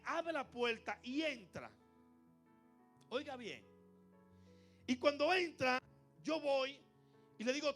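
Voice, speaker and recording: Male pastor with a very high voice, preaching with rising fervor over soft church music. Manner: storytelling preacher, builds to loud fervent passages. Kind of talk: sermon.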